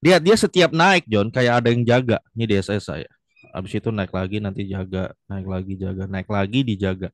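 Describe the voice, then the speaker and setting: A man's voice: on the low side, a little fast, dry recording. A young man giving casual stock market commentary, blunt and chummy, lecturing the viewer like a friend.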